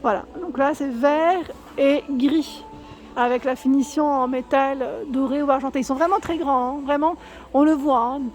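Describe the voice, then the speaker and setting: A woman's voice: high-pitched, moderate pace, soft background music. A woman vlogging a walk through a furniture store, reading out prices and sizes one by one and correcting herself now and then. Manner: reads out prices and sizes in a steady list, with small self-corrections. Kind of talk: casual store walkthrough vlog.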